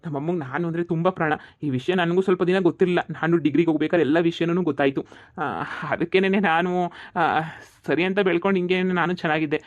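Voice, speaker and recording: A man's voice: on the high side, fairly even intonation, fast talker, dry recording, lo-fi sound, natural voice. Man playing a hot-tempered village husband. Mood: explaining.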